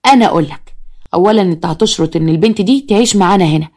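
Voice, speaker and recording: A woman's voice: lowish voice, racing, darkish tone. A bitter young sister , voiced by a woman storyteller, sneers in an Egyptian accent. Her sarcasm pours out at a breakneck pace. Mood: spiteful. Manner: sarcastic and spiteful.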